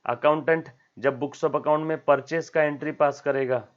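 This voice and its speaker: A man delivers a classroom accounting lecture in a fairly high voice. He keeps checking in with his students and repeats the key terms. The recording sounds dull and lo-fi. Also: steady tone, unhurried. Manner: acts out dialogues in a raised voice, asks students questions; code-mixes English terms, repeats key words. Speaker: commerce teacher.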